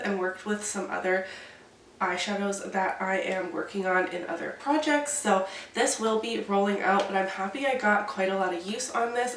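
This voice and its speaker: This beauty vlogger is a young woman whose voice is medium in pitch, fairly bright, and stuffed up from a cold. She chats casually about her makeup, giving detailed product talk, recorded with a distant mic in an echoey room with faint hiss.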